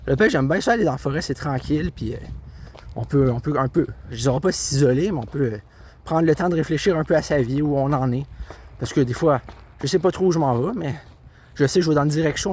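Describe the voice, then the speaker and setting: Strolling a country path alongside a river and a road, a young man with a Québécois French accent records a casual walking vlog on a handheld tablet camera, chatty, meandering and self-mocking. His voice sits on the high side and is a little mellow. Birds and passing cars form a faint, slightly noisy backdrop.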